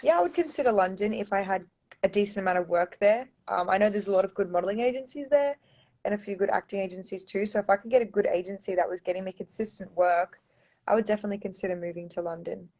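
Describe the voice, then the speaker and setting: A woman's voice: medium pitch, quick pace, a little mellow. Young Australian woman, casual live Q&A into a phone, talkative and loose. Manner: chatty, reads viewer comments aloud, often says um and like. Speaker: pageant contestant answering fans.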